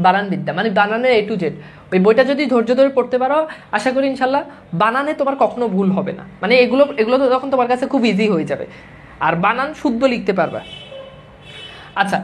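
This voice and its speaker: A woman's voice: fairly high pitch, slight background noise. A woman from Bangladesh teaching grammar to exam students, drilling the wrong and right forms over and over and dropping in English words. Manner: mixes English words into speech. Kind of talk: classroom-style lecture to exam students.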